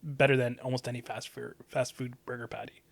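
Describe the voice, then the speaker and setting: A man's voice: medium pitch, level tone, fairly quick, vocal fry. A young man co-hosting a podcast, explaining things in a laid-back way with many hesitant restarts. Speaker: podcast co-host. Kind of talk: casual chat.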